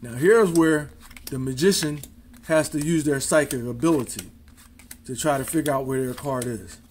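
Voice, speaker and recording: A man's voice: medium pitch, normal speed, a little hiss or hum. A man casually demonstrating card tricks, counting cards aloud in easygoing, folksy showman patter.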